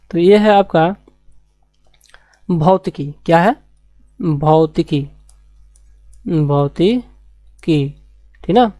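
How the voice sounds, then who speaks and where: Dark-voiced woman teaching a science class. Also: fairly low pitch, no room sound. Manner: repeats key terms slowly, asks rhetorical questions. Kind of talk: classroom lecture.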